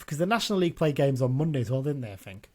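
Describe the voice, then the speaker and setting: A man's voice: mid-range voice, sing-song, racing. A man hosting a casual football podcast, chatting loosely with frequent restarts and self-corrections. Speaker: podcast host.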